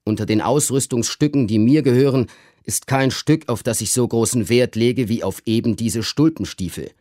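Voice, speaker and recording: A man voicing an irritable, pompous older gentleman who blusters at his household in a literary reading. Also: medium pitch, normal speed, no room sound, clean studio sound, natural voice. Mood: blustering. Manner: gruff and blustering.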